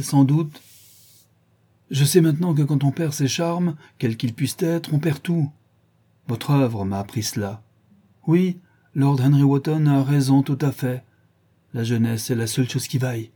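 A man's voice: medium pitch, dark tone, slightly rough, pitched above the performer's own voice, close to an everyday voice. Dorian Gray, a man doing a young dandy's anguished lament. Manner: pleading, lamenting.

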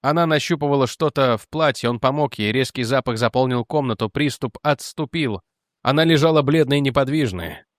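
A man narrating an audiobook in a steady, even reading. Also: medium pitch, a little fast, no echo, studio quality. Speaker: audiobook reader. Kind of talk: scripted narration.

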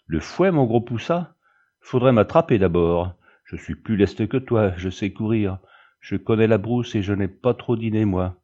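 A man's voice: on the low side, dark tone, highs cut off. A man voicing a haggard, bitter young man who talks back with defiance and mockery. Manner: defiant, mocking.

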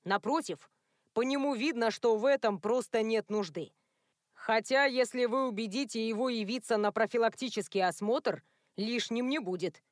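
A woman voicing a calm, dry-witted male town doctor in an audiobook. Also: a little high, normal speed, no room sound, lightly acted. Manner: calm, terse.

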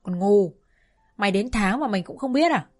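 A woman's voice: mid-range voice, fairly quick, soft background music, natural voice. Brash bossy girlfriend type, a woman narrator puts her on, scolds bluntly. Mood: scolding.

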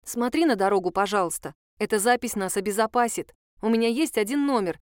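A woman's voice: medium pitch, a little fast, smooth, no echo, studio quality, natural voice. A woman reading the lines of an anxious young woman who speaks earnestly and insistently.

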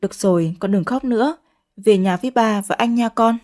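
A woman voicing a gentle older father who speaks to his daughter in a soft, consoling way. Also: mid-range voice, normal speed, natural voice. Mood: tender.

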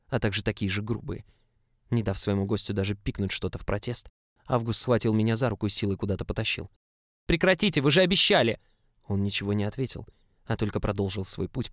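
A man narrating a novel in the first person in an even, measured reading. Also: fairly low pitch, no room sound, studio quality. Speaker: audiobook narrator.

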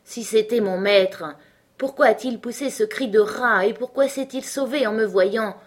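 A woman's voice: on the high side, normal speed, pitched above the performer's own voice, lightly acted. A woman reading a frightened, devoted older male butler in an audiobook, urgent and pleading. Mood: anxious.

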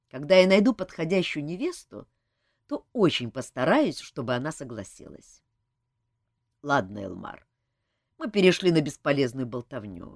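A woman's voice: low voice, no room sound, pitched below the performer's own voice, exaggerated voice. A woman voicing a dry-witted man in charge who teases his friend. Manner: wry, joking.

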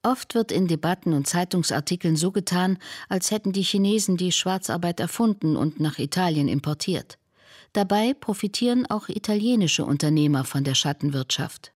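A woman reporter reading scripted narration in a measured, even way. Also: lowish voice.

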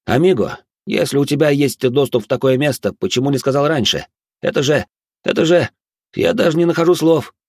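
A man voicing an excitable male scientist who gushes and fires off eager questions in an audiobook. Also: medium pitch, brisk, slightly rough, dry recording, clean studio sound, pitched above the performer's own voice. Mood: excited.

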